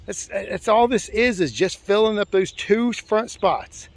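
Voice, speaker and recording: A man with a high-sitting voice and some vocal fry leads a network marketing team call. His intonation is lively and his pace measured, and he talks casually and chattily, emphatic and repetitive, in a motivational style.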